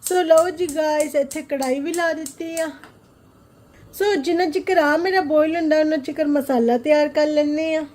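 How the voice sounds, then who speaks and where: A woman's voice: sits high, fairly even intonation, moderate pace, a little mellow. A woman with a Punjabi accent chatting casually to viewers in a daily vlog, mixing in English phrases. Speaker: vlogger. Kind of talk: casual chat to viewers about daily routine.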